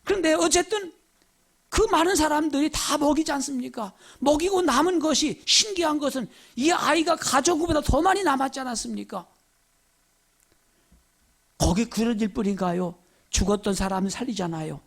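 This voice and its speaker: A pastor preaches in a very high, gravelly voice, telling stories with lively energy. He keeps drawing in his listeners with rhetorical questions. His gravelly edge stays through every phrase. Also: moderate pace. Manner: animated storytelling, rhetorical questions. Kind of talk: sermon.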